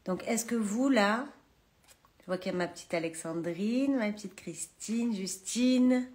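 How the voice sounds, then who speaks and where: Speaking at a measured pace in a medium-pitched, slightly mellow voice, a live streamer who also trains people in massage chats with her viewers by phone from a holiday cottage. It's a relaxed social media live session, loose and full of hesitations.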